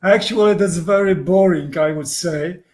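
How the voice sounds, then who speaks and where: A man from Poland with a Polish accent, a psychotherapist speaking English as a second language, telling his story over a video call with many pauses and restarts. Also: high-pitched. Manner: hesitant, many fillers and restarts. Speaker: guest psychotherapist. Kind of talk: casual interview.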